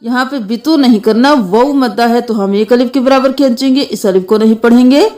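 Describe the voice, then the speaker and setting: A woman teaching Quran recitation, chanting verses melodically and explaining the rules. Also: dark tone. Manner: slow melodic recitation alternating with quick lower explanations. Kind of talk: tajweed lesson, slow recitation with explanations.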